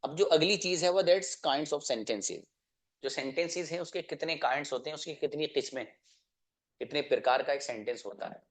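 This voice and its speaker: A man's voice: on the high side, moderate pace. Man, English teacher, online classroom lesson, patient, repeats and quizzes students. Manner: repetitive, patient explaining with questions.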